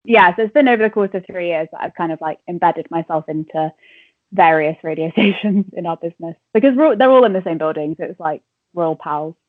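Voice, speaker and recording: Speaking fast in a lowish voice, a woman in her twenties from Wales with an English accent laughs and fills her casual interview answers with fillers. She's a radio presenter and entertainment reporter, heard dry through a tinny phone line.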